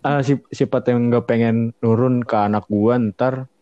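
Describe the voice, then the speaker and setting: A man's voice: mid-range voice, steady tone, a little slow. A man with a Jakarta accent talking casually with friends in Jakarta slang. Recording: roomy, slightly dull lo-fi sound.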